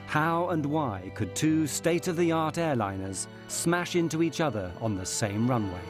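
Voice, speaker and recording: A man narrating a documentary in a measured, dramatic scripted delivery. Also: a little high, animated. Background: music.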